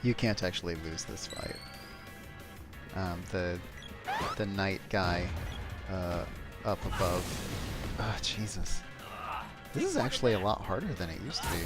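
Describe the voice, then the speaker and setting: Lowish-voiced sweary man doing animated game commentary. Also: unhurried, pauses often. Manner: sweary, jokey, mocks game lines. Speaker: let's play host. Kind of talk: casual gaming commentary. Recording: game music behind voice.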